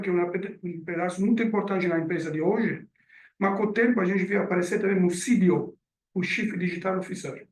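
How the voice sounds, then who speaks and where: A middle-aged Italian man with a mixed Italian and French accent speaks in a fairly high, slightly mellow voice. He gives a hesitant business presentation full of fillers in a meeting room, picked up by a distant mic that makes the sound roomy.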